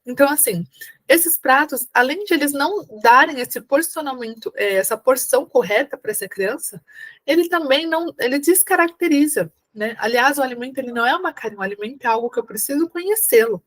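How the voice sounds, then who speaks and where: In an online lecture, a Brazilian teacher with a São Paulo accent prepares candidates for an exam, speaking briskly with lively intonation in a slightly high voice. She explains things patiently and keeps checking that students are following. At times she acts out warm, coaxing phrases as though talking to a small child at the table.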